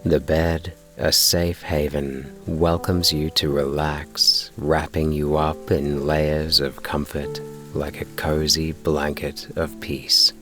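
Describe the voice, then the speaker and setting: Male sleep-story narrator, extremely deep, slow, soothing, measured, soft music behind. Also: level tone. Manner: soothing, unhurried, gently measured delivery. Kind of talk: slow bedtime relaxation narration and story reading.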